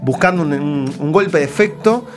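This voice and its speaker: A man's voice: fairly high pitch, expressive, normal speed. A man in his thirties with a Rioplatense Spanish accent, hosting a casual radio music show with a playful, ironic manner. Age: 30s. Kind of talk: casual radio panel chat. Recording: music playing underneath.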